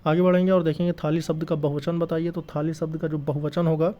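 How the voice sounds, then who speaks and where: On a dull lo-fi recording, a man with a fairly high voice talks fast in a flat delivery. He teaches exam prep, working step by step through quiz answers in an explanatory lesson and often checking in with his listeners.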